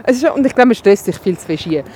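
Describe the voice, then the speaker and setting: Guest, Swiss German woman, rapid candid chat, outdoors with faint traffic. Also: medium pitch, lively intonation, darkish tone. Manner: fast, candid, thinks aloud with restarts. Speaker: guest, new mother. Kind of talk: casual chat on a walk. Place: outdoors on a walk in town.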